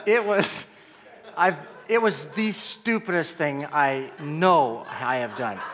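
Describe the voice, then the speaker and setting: A man's voice: fairly high pitch, slow, crowd noise. A man, the guest preacher, opens his talk with self-deprecating jokes and banter with the congregation.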